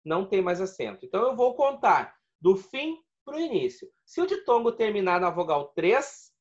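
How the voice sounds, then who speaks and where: A man's voice: high-pitched, big pitch swings, normal speed, muffled recording. A man teaching a video lesson, explaining rules step by step and repeating key points. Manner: explanatory, repeats points and counts syllables aloud.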